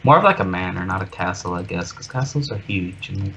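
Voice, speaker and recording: A low-voiced man co-hosts a casual gaming session, building in a video game while joking around and teasing his friend in a lively way. Slight background noise is present.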